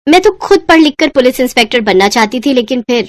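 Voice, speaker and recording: A woman voicing a kind, sensible young bride in a cartoon story, speaking gently and caringly. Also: high-pitched, animated, fast, no echo, clean studio sound. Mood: gentle.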